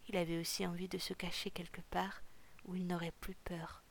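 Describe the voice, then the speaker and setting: A woman narrating a novel chapter in a calm, measured, often half-whispered way. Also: on the low side, vocal fry, a little hiss or hum. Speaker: audiobook narrator. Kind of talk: scripted narration.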